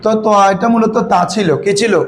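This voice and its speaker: A man with a high voice teaches a grammar class. He keeps asking his students questions and calls them fondly as he explains. Faint noise sits behind the recording. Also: flat delivery, rough recording. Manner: recites Quranic verses slowly. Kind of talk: classroom lesson.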